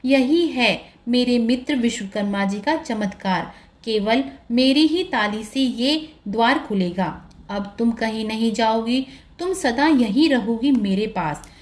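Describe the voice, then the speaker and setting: A headstrong young prince who won't take no for an answer, pressing his demands over and over, as a woman narrator acts him out. The voice runs fairly high and insistent. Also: animated, slow pace. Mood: possessive. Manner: insistent, calling out. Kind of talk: storybook narration.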